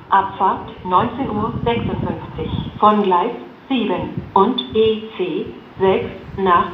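Flat, slow female platform announcer, echoey and noisy. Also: mid-range voice. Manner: flat, formulaic delivery in short segments. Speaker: railway station announcer. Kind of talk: automated station platform announcement. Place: railway station, over loudspeakers. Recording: muffled echoey station PA, loud noise. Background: noisy station ambience.

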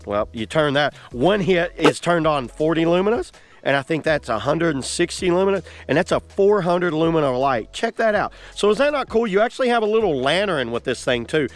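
An enthusiastic man talks through a gadget demo, filming it himself outdoors. His voice sits a little on the high side, and he keeps things chatty and loose. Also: expressive, brisk. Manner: enthusiastic, chatty, lots of "like" fillers. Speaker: product reviewer. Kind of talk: casual hands-on product demo. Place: outdoors on grass.

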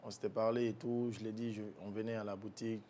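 A man tells a painful family story to an interviewer. He speaks softly and haltingly, often restarting his sentences. His voice drops low in the heaviest parts, and a faint rumble sits under the recording. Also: level tone. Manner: soft-spoken, halting with restarts, low when recalling grief. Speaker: guest.

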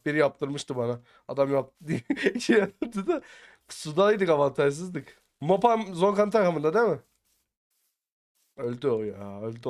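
A man chatting with teammates over voice chat while playing a survival game, slangy and excitable, sometimes muttering quietly and sometimes breaking into shouts. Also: fairly high pitch. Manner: excitable, slangy, bursts into shouting when attacked; often mutters quiet asides. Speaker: gaming YouTuber. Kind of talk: casual gameplay chat with teammates.

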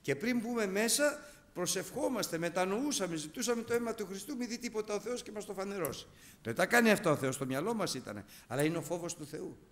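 A man's voice: high-pitched, expressive, fairly bright tone. A middle-aged man preaching a sermon, emphatic and repeating key phrases, telling stories with quoted dialogue.

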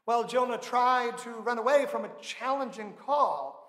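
Man, 30s, pastor, sermon, high-pitched, earnest and measured, roomy church reverb. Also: animated, a bit bright. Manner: measured, earnest preaching with slow emphatic stresses. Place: large church sanctuary, indoors. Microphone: pulpit microphone. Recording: echoey church with long reverb.

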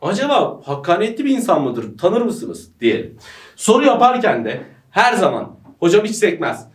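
A man's voice: sits high, wildly swooping pitch, normal speed. A man teaching English to a group of friends, joking and teasing as he explains. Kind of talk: playful group lesson banter. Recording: echoey room, mic at a distance.

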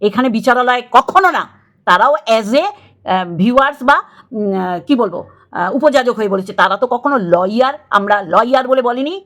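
A middle-aged woman delivers a confrontational video rant to camera. Her voice sits a little high. She scolds and lectures, hammering the same lines again and again. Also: expressive, moderate pace, a bit bright. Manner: scolding, confrontational, repeats phrases. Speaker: YouTube creator.

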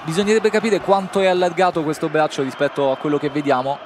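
Fast-talking young male co-commentator. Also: a little high, level tone, background noise. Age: young adult. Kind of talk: casual match analysis. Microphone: headset microphone.

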